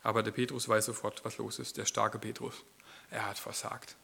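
A man's voice: on the low side, level tone, moderate pace, creaky, sharp tone, breathy edge. A man preaching a sermon in church, acting out quoted lines with a shifting voice.

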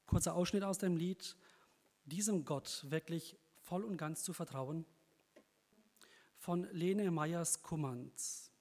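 A man's voice: a little high, slow, a little mellow, in a large hall. A man preaching a sermon, earnest and encouraging, speaking directly to his congregation.

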